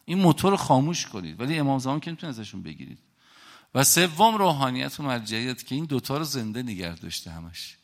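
A middle-aged man from Iran giving an impassioned religious lecture, telling stories dramatically with sudden swings in loudness. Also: medium pitch, very animated. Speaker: religious speaker.

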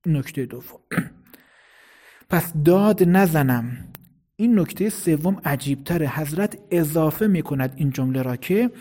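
Man giving a sermon, slightly high voice, mellow, takes it slow and explains. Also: expressive. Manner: measured and explanatory, demonstrates tones of voice. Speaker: preacher.

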